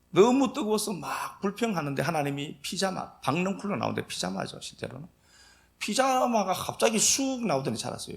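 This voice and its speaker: A man preaching a sermon as pastor, telling the story vividly and swinging between loud emphasis and soft asides. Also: a little high, vocal fry. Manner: lively storytelling, acting out dialogue.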